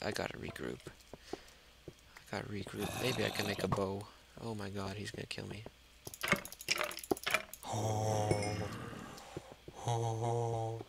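A let's play host with a low, creaky voice gives gameplay commentary, talking to himself and the monsters and dropping to a whisper when scared. The recording is very noisy, with loud mouse clicking over his voice.

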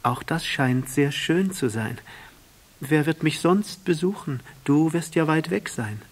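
A man's voice: expressive, unhurried. A man voicing a proud, tender flower. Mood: tender pleading. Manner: pleading, high and emphatic. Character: proud delicate female flower, vain but tender. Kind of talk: audiobook reading.

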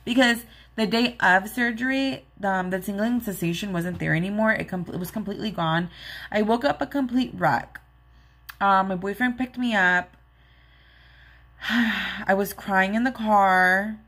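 A woman's voice: mid-range voice, unhurried, fairly bright tone. Chatty woman telling a personal story. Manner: chatty, rambling, many "like" and "um" fillers; open and emotional when recalling events. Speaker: vlog host.

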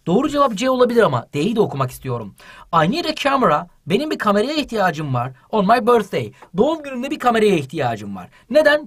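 With a high, breathy voice, a man energetically runs an online English class for children, reading each English line aloud and then translating it into Turkish.

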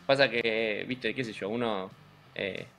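A man with an Argentine accent, a racing driver being interviewed, talking in a relaxed, joking way with many fillers and restarts. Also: on the low side, a little slow, faint music behind. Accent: Argentine Spanish. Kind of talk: casual interview chat.

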